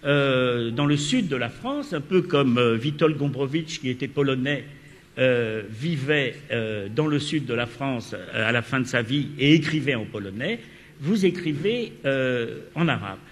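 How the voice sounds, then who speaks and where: In a reverberant lecture hall, a man moderates a literary panel, his medium-pitched voice expressive and unhurried. He asks long questions full of hesitations and fillers.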